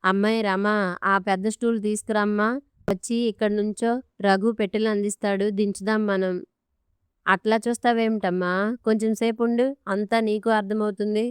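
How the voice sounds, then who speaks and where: A woman's voice: mid-range voice, little pitch movement, normal speed, clean tone, no echo, clean studio sound, close to an everyday voice. A woman reading an audiobook story, voicing a stern, commanding older father-in-law. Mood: firm. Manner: commanding, blunt.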